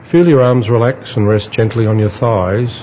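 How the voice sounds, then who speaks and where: A man guiding a relaxation exercise in a slow, hypnotist-like manner, with long pauses between instructions. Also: on the low side. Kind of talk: guided relaxation narration. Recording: dull lo-fi audio with faint noise.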